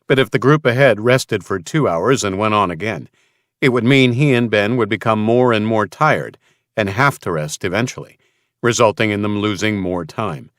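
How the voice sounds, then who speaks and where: Guy reading an audiobook, steady and even, pretty low voice, dry mic. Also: moderate pace, dry recording. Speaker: audiobook narrator. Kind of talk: scripted narration.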